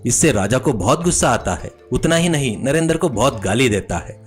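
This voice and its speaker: A man narrating a moral story in an animated storytelling manner. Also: mid-range voice, a little fast, faint music behind.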